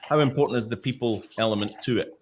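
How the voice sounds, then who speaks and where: A man's voice: medium pitch, fast talker, a little hiss or hum. A man hosting a live-streamed industry show, friendly and upbeat as he introduces and questions guests. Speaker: host.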